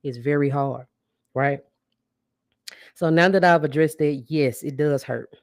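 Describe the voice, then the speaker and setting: Talking straight to her audience during a live podcast, this host is blunt and casual, greeting viewers, urging them to interact, and addressing them as sis and baby. Her voice is low and her pace measured, recorded in clean studio conditions with no room sound.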